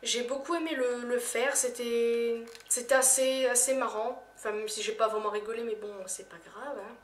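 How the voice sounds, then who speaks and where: A young woman answering questions in a casual vlog, hesitant, with many fillers and phrases that trail off softly. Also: on the high side, fairly even intonation, moderate pace, slight background noise. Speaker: YouTuber. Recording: echoey room, voice a little far from the mic.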